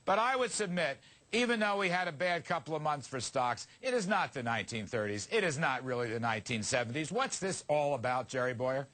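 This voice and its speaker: A man hosting a business news discussion, asking questions in an emphatic, lively way. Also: fairly high pitch, brisk. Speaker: show host.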